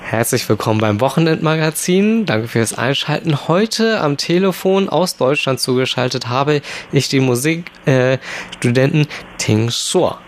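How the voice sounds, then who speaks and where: A man's voice: mid-range voice, animated, measured pace. A man hosting a radio magazine, interviewing a student by phone and asking friendly, conversational questions.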